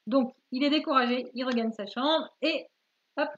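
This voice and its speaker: A woman's voice: sits high, fairly bright tone, lo-fi sound. A woman co-hosting a live board-game stream, retelling the story casually with frequent hesitations. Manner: hesitant, many "euh" pauses. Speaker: co-host of a board-game channel.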